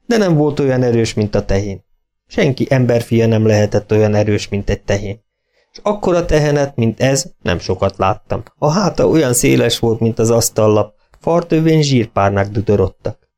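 Male audiobook narrator, steady and measured, mid-pitched. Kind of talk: scripted narration.

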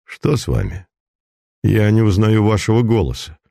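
A man's voice: on the low side, moderate pace, vocal fry, mellow, no room sound, studio quality. A man voicing a domineering male occult charlatan who speaks in a commanding, mocking tone in a storybook reading. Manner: commanding, mocking, at times thundering.

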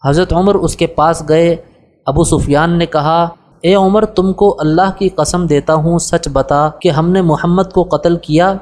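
A man's voice: a little high, steady tone, darkish tone. Man reading aloud in a reverberant space. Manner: measured, formal reading. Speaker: audiobook narrator. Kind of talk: reading a religious biography aloud. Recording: long reverb.

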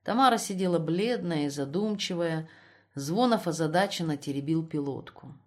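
Woman, audiobook narrator, lowish voice, measured, expressive storytelling.

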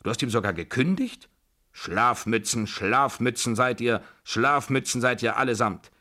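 A deep-voiced man puts on a domineering old grandmother in her seventies, raised higher and louder than his usual low voice. She barks commands and scolds everyone around her in a radio reading. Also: expressive, normal speed. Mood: commanding. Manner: bossy, scolding, loud and commanding. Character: imperious 75-year-old woman, grandmother, domineering.

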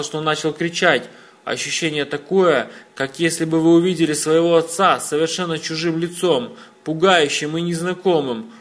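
Man narrating a story in first person. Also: on the high side. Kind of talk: audiobook narration.

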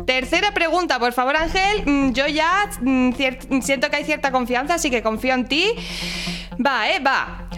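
A woman's voice: high voice, moderate pace, a bit bright, faint music behind. A woman radio host running a comic quiz sketch, playful and teasing as a quizmaster.

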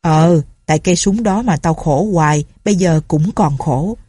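A woman reading a story aloud, voicing a quick-tempered older male village official who barks orders and accusations. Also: low-pitched, husky, no echo, clean studio sound. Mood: gruff. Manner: shouting, commanding.

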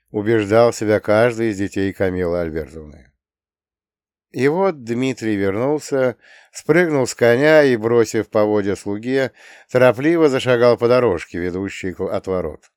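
A man reading an audiobook in an even, measured storytelling manner. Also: fairly low pitch, no echo, clean studio sound. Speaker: audiobook reader. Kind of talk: scripted narration.

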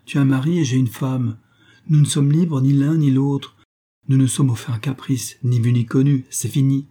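A man's voice: mid-range voice, normal speed, slightly rough, close to an everyday voice. A man reading an audiobook, voicing a brutal, contemptuous young man who answers his mistress curtly and scornfully. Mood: angry, scornful. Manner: curt, scornful, raised and sharp when angry. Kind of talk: audiobook character voice.

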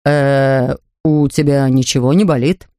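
A woman voicing a mild, worried middle-aged father who speaks slowly and carefully in a storybook reading. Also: rumbling low, fairly even intonation, dark tone, no room sound, studio quality, voice pushed down. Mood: concerned. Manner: slow, careful and concerned. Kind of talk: audiobook character voice.

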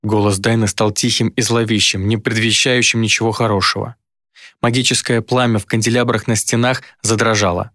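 Man, low voice, dry close sound, measured audiobook narration. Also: little pitch movement, fairly bright tone, dry recording. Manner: measured, dramatic reading. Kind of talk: first-person audiobook narration.

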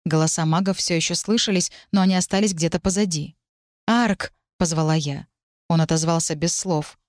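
A woman reading a first-person fantasy story aloud, dramatic and tense, with sharp shouted lines for the characters. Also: lowish voice, fairly even intonation, a little fast, dry recording, studio quality. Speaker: audiobook narrator.

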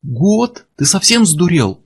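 Guy doing a naggy publisher, gravelly, kinda pushy and impatient. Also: medium pitch, animated, normal speed, darkish tone. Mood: incredulous. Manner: brusque, nagging. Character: pushy, impatient male book publisher on the phone.

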